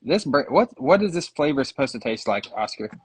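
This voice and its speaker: A husky man co-hosting a live stream, laughing easily and swearing in passing. His voice is recorded close and dry, with no room around it. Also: mid-range voice, very animated, brisk, dry recording. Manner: laughs often, swears casually. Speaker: livestream co-host. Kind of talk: casual livestream banter.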